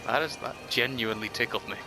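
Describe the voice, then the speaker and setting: A man's voice: mid-range voice, fast, low-quality recording. Joking man doing a game playthrough. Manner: joking, swears, reads in-game notes aloud with dramatic storytelling. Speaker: game commentator. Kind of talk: let's play commentary. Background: game music.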